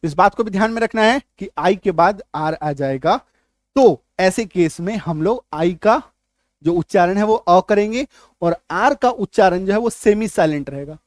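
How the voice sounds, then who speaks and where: A man's voice: high-pitched, expressive, normal speed, dry recording. A man, teaching English spelling rules at a whiteboard. He spells words out letter by letter, checks often whether students follow, and answers his own questions. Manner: repeats key points as questions and answers them. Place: classroom at a whiteboard.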